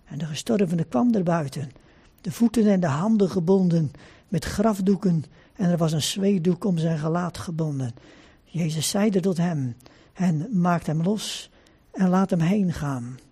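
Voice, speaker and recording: Husky, mellow-voiced solemn male preacher. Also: high-pitched. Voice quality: solemn, repeats phrases for emphasis. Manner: slow deliberate preaching with "hè" asides. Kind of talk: sermon with scripture reading.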